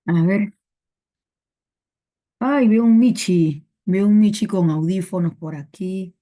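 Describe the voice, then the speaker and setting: Woman teacher, Peruvian Spanish accent, online class, repetitive drilling, slow delivery, mellow tone. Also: medium pitch.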